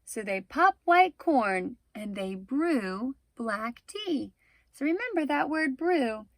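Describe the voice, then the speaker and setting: A woman reads a picture book aloud to young children, very animated and expressive, stopping for instructive asides to explain things to them. Her voice is high-pitched, she takes it slowly, and there's no echo.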